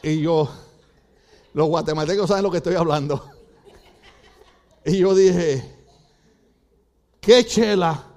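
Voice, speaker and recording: A man's voice: a little high, measured pace, pauses often. An older Puerto Rican man preaching a sermon in church, telling comic stories and acting out voices. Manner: animated, comic storytelling with acted-out voices.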